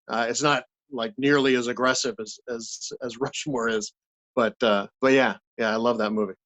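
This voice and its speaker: Halting man with a medium-pitched voice. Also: a bit bright, highs cut off. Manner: halting, searching for words, often repeating them. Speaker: puppeteer and voice actor, interview guest. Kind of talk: casual interview talk.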